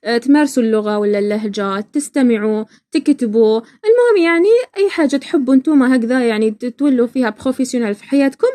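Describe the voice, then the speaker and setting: A woman's voice: on the high side, rapid-fire, warm tone, no room sound. A woman from Iraq hosting a podcast, talking casually and chattily, often breaking off and restarting her words. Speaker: podcast host. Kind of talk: casual spoken monologue.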